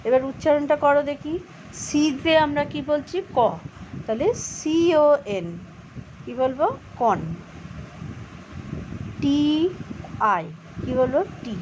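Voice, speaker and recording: A woman teaching children to read English, reading each line very slowly and then explaining spelling and pronunciation. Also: lively intonation. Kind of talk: bilingual reading lesson for children. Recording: slightly dull low-fi recording with faint background noise.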